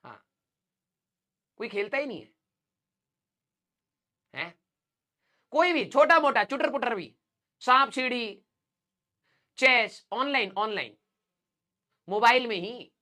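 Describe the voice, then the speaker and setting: A man's voice: very high voice, lively intonation, slow, long pauses, sharp tone. Man, physics teacher, teasing, playful, laughs often, casual online class banter, English physics terms mixed in.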